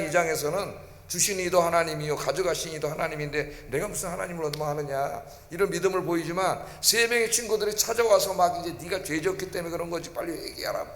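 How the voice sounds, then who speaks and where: A man's voice: high-pitched, fairly bright tone. A male pastor preaching a sermon in a church, emphatic and often putting questions to his congregation. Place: church sanctuary. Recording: echoey church hall.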